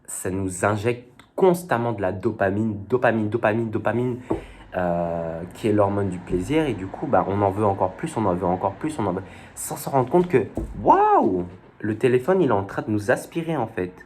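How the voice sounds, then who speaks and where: A man's voice: fairly low pitch, moderate pace, a little mellow, slight background noise. A young man talking casually to his viewers, rambling and hesitant, full of fillers and youthful slang. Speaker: vlogger. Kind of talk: casual talk to camera.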